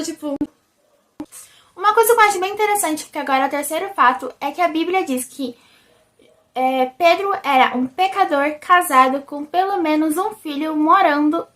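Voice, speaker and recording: A young Brazilian woman with a childlike, squeaky voice, chatting animatedly to her viewers in a casual religious vlog. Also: moderate pace. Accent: Brazilian Portuguese. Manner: animated and chatty, often calls the viewers "gente". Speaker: vlogger. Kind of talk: casual religious video chat.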